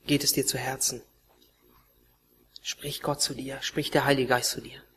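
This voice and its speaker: Impassioned preacher, rising and hushing. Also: male voice, medium pitch, flat delivery, unhurried, a little hiss or hum. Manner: emotional, swinging between raised pleading and hushed near-whispers. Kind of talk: sermon testimony.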